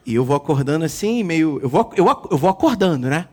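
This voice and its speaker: Animated husky pastor. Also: male voice, fairly high pitch, brisk. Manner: animated, jokes with the congregation, acts out quotes. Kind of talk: lively sermon.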